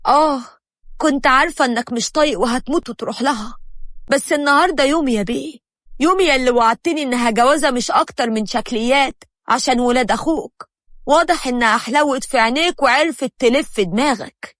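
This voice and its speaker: Woman reader doing a spiteful, jealous Egyptian wife in a dry, close storybook read; quick and a touch high. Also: no room sound, close to an everyday voice. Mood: angry. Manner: spiteful, resentful. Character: scheming jealous wife, bitter and vengeful.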